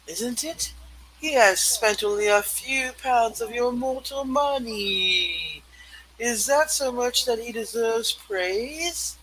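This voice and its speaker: A performer voicing a solemn, probing spirit of Christmas past in a measured, portentous amateur play reading. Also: medium pitch, fairly bright tone, slight background noise, low-quality recording. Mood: gently probing.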